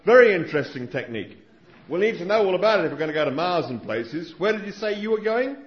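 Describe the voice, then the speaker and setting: A man doing a fed-up Australian doctor who has had enough of venom, grumbling and rambling in a high, light voice. The recording sounds dull and lo-fi. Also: very animated, quick pace, echoey room. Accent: Australian (put on).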